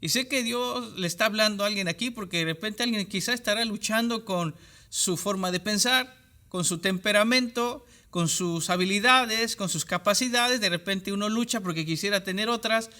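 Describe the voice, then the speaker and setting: A pastor preaches an online church sermon in a high, bright male voice at normal speed. He speaks directly to his listener, stacking short parallel phrases for emphasis.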